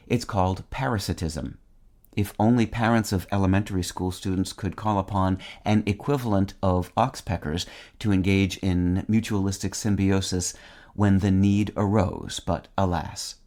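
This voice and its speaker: A man hosting a short vocabulary segment, reading a script in a measured, wry and precise way and spelling words out letter by letter. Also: deep voice, darkish tone. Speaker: word-of-the-day host.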